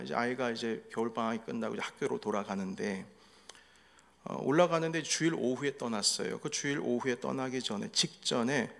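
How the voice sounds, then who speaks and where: A man's voice: medium pitch, vocal fry. A middle-aged man preaching a sermon as pastor, telling family stories and acting out what was said. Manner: storytelling, acting out family quotes. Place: church sanctuary. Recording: echoey hall reverb.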